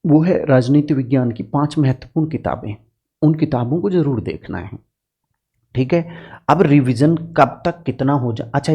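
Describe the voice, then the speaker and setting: A man's voice: medium pitch, dark tone, breathy edge. A man teaching political science exam strategy in an earnest, direct lecture, using homely farm examples to make his points.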